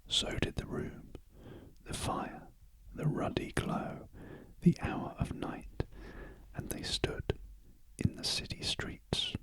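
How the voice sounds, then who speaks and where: A man with a British accent narrating a classic story as ASMR in a very gentle, breathy whisper, close to the microphone, pausing between short phrases. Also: low-quality recording. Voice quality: soft, breathy unvoiced whisper. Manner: very gentle, slow, measured reading with pauses. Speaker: ASMR reader. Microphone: close ear-to-ear stereo microphone.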